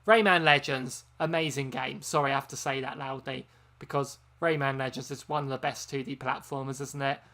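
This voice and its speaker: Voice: mid-range voice, flat delivery, brisk, creaky, a bit bright. Rambling game streamer, chatty. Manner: rambling, chatty, frequent ums and self-corrections. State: tired from long streaming. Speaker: game channel host. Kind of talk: casual live-stream chat.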